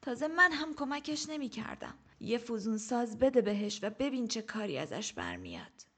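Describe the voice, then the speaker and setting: A woman's voice: a little high, sing-song, slightly rough, exaggerated voice. Woman voicing a harsh, scornful old woman. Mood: scolding. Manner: slow, scolding, raises her voice to shouts. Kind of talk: audiobook character voice.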